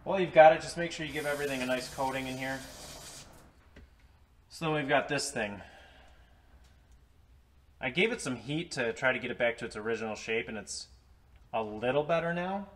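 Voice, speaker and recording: Here a DIY repair vlogger, at a moderate pace and with long pauses, casually explains a repair step by step. His voice is medium in pitch, and the filler-laden talk is recorded on the camera mic in an indoor workshop garage.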